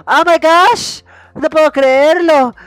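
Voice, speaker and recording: A man voicing a young princess in a shrill, squealing falsetto as he reads game dialogue aloud. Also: takes it slowly, fairly bright tone, no echo, faint music behind, exaggerated voice. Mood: pleading.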